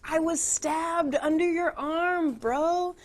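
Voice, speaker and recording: A woman's voice: extremely high pitch, slow pace, pitched above the performer's own voice. A woman voicing a young male duelist who is dying and angry, talking in casual slang. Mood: indignant.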